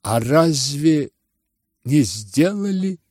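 A man's voice: fairly high pitch, expressive, extremely slow, darkish tone, no echo, studio quality, pitched above the performer's own voice, exaggerated voice. A man voicing a reproachful, distressed mother.

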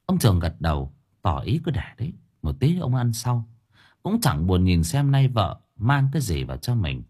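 A man narrating a spooky audiobook story in an expressive, vivid way. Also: lowish voice, normal speed, husky. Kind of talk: dramatic horror story narration.

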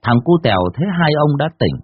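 Husky man narrating a horror tale. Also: mid-range voice, fast. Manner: lively expressive telling. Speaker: storyteller. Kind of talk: dramatic horror story narration. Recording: dull dry sound.

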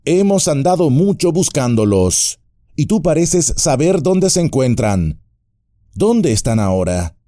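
A man's voice: on the high side, very animated, a little slow, mellow, no echo, clean studio sound, voice pushed up. A man doing an eager wistful elf. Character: eager ancient elf, male, keen and wistful.

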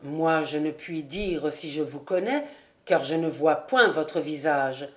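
A blunt, faithful squire with a somewhat lowered voice and an earnest, pressing delivery, as a woman reads him in an audiobook. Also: expressive, slow pace. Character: loyal, honest male squire, blunt and stirred. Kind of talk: audiobook character voice.

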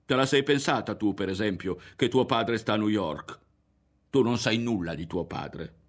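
A man voicing an excitable, touchy boy who talks in a raised, eager voice in an audiobook reading. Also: fairly low pitch, moderate pace, pitched above the performer's own voice, natural voice. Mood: taunting.

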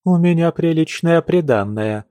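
Spoiled young noblewoman, shrill, indignant, raised pitch, dry close sound, put on by a male narrator. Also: animated, normal speed, no echo, natural voice. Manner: shrill, indignant, sharp-tongued.

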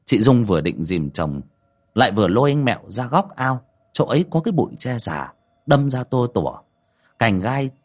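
A man narrating a spoken ghost story in a dramatic way. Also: moderate pace. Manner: dramatic, lively pitch.

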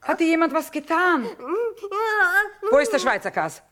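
A woman's voice: high voice, sing-song, normal speed, a crowd in the background. A woman acting in a radio drama as a tough, brusque, shrewd mother who trades from a wagon in wartime. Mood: alarmed, impatient. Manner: brusque, haggling, commanding.

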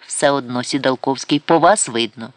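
A man's voice: mid-range voice, moderate pace, no echo, lightly acted. A man voicing a reproachful, teasing woman who confronts her evasive suitor in an audiobook, with a raised, pleading tone.

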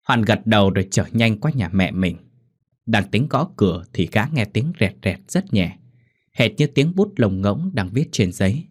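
A man narrating a ghost story in a dramatic, expressive way. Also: lowish voice, moderate pace. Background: faint music.

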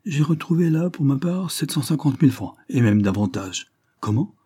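Older colonel, frank, hearty, emphatic, read by a man, husky, dark tone. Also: mid-range voice, expressive, moderate pace, no room sound, clean studio sound, voice pushed up.

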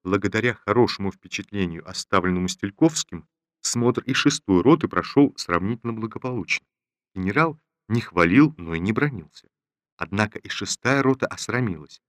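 A man reads a classic novel in a measured, even manner. His voice sits low, and the recording is dry and close with no room sound. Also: no room sound. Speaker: audiobook reader. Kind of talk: scripted literary narration.

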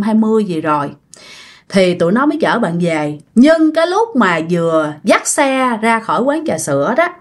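A woman's voice: mid-range voice, breathy edge. A woman with a Southern Vietnamese accent casually retelling a ghost story, chatting directly to her listeners.

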